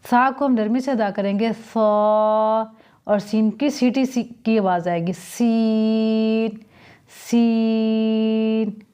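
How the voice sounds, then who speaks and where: A woman's voice: on the high side, slow, a little mellow, clear, resonant tone. A woman teaching Quran letter pronunciation, sounding out each letter carefully and explaining patiently. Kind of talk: slow letter-by-letter recitation lesson.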